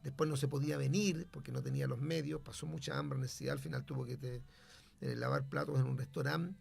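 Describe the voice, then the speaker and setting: A man's voice: medium pitch, fairly even intonation, quick pace, vocal fry, darkish tone, breathy edge. A man, a pastor and radio host, telling a testimony in an emphatic, preacherly way. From Chile.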